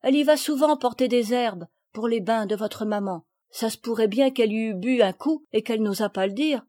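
Old countrywoman gardener for a storybook reading, loud and high, rustic and scolding, as a woman reader puts her on. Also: brisk, dry recording, close to an everyday voice. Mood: chatty.

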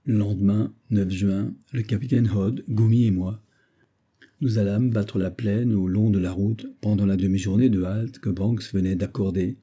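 A man narrating a classic adventure novel as an audiobook, in a measured, steady reading. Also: fairly low pitch, breathy edge. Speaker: audiobook reader.

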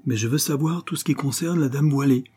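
A man reading aloud, voicing an educated, skeptical father who speaks calmly with gentle irony, in a husky, mellow voice. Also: medium pitch, a little fast, voice pushed up, natural voice. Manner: calm, gently ironic.

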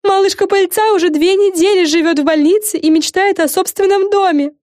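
Brief: bossy showoff fairy girl, very high and dry, read by a woman. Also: fairly quick, darkish tone, no room sound. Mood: showy. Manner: bossy, self-important.

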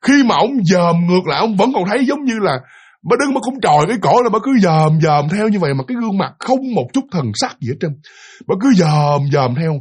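A man's voice: sits high, very animated, brisk, breathy edge. A man with a Southern Vietnamese accent telling a ghost story in a chatty way, speaking straight to his listeners. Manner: chatty, addresses listeners directly. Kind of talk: spooky storytelling.

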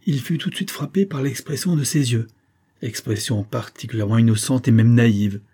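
A man reading a literary novel aloud as audiobook narrator, in a measured style. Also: medium pitch, mellow, slightly rough. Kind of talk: scripted narration.

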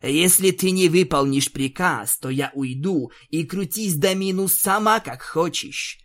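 A man voicing a cruel, commanding dark female creature who gives cold, hissing orders. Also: a little high, measured pace, voice pushed up.

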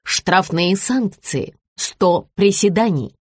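A woman voicing an enchanted slimming belt that announces penalties in a slow, monotone drone. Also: mid-range voice, slightly rough, no echo, studio quality. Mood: droning. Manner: droning, monotone.

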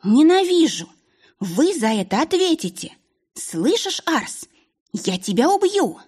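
A woman voicing a young princess in shock and rage, her voice jumping high and breaking as she cries out. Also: big pitch swings, very slow, exaggerated voice. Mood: furious, sobbing. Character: young princess, terrified, grief-stricken, defiant.

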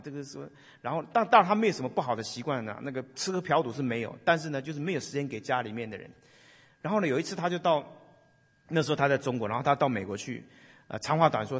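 A man preaching in a conversational style, telling lively stories and often asking the listeners "right?". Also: a little high, husky. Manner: lively storyteller, asks the audience "right?". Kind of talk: conversational sermon with storytelling. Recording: long hall reverb.

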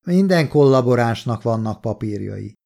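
A rough, scornful partisan commander in an audiobook barks blunt orders and sneers at the people in front of him, read by a man at a mid-range pitch. The voice stays close to an everyday man's, with a commanding bite. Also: lively intonation, darkish tone. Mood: gruff, mocking.

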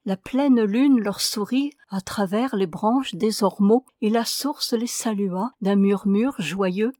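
A woman reading a translated prose poem aloud as an audiobook, in a measured, solemn way. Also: medium pitch, dark tone, no echo, clean studio sound. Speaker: audiobook reader. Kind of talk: scripted narration of a prose poem.

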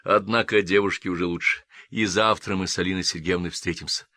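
A man doing a calm, steady officer. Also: low-pitched, fairly quick, dry recording, studio quality. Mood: composed. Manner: cold and steady. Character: calm, composed male officer, quietly happy.

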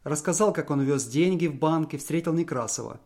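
A man calmly reading a classic short story aloud as narrator, measured and even. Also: fairly high pitch.

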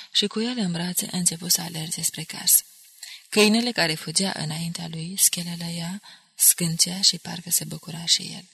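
A woman reading an audiobook in a measured, dramatic narration. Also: lowish voice, gravelly, pushed and bright, slightly rough, dry recording.

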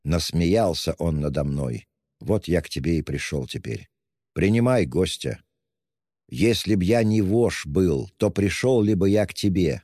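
A tormented young killer, brooding, very deep, dark tone, read by a man; audiobook. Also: lively intonation, unhurried, dry recording, clean studio sound, big-room sound. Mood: desperate. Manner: brooding, intense. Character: tormented young male murderer, feverish and brooding. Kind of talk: audiobook reading.

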